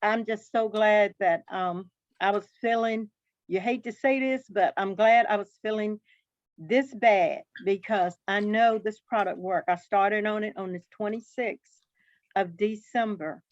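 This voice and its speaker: A woman on a video call telling her story in an emphatic, animated way. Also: medium pitch, unhurried, dry recording. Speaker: new team member. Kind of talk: casual testimonial on a video call. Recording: dull video call audio.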